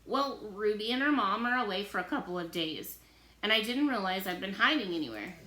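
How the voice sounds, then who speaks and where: A hearty old fisherman who laughs things off even in tough times, as a woman reads him aloud from a storybook. The voice comes across bright and forceful, and the room around it rings with echo. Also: medium pitch, a little fast. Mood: easygoing. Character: cheerful old male fisherman, easygoing. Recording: roomy echo.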